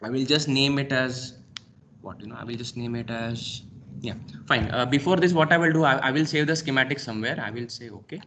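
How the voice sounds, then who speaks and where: A male lecturer with an Indian English accent narrates a screen-recorded lab demo, calling out each click and pausing on a steady "okay." His voice sits at a middle pitch for a man. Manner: talks through each click step by step, frequent "okay".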